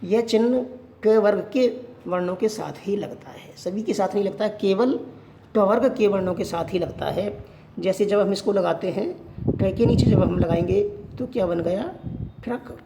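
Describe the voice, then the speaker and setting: A teacher giving a Sanskrit grammar lesson, asking questions and answering them, repeating points slowly. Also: mid-range voice, background noise. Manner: poses questions and answers them, slow and repetitive. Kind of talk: classroom-style grammar lesson.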